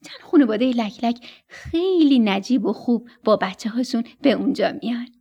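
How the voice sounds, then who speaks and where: A woman's voice: on the high side, animated, creaky, mellow, breathy edge, highs cut off. A woman telling a children's bedtime story on the radio in a tender voice that sometimes drops to a whisper.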